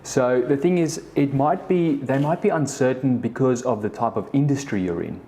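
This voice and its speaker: A South African man in his thirties, whose first language is Afrikaans, hosts a casual solo podcast, telling a story at a moderate pace with a medium-pitched, dark-toned voice. A business co-founder, he rambles, often restarting and saying "the thing is."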